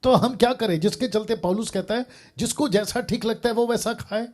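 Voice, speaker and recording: A man's voice: high voice, a little fast, a little mellow. A man preacher talking with a caller on a live show, reasoning earnestly through everyday examples and often adding "sir". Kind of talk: live call-in Q&A.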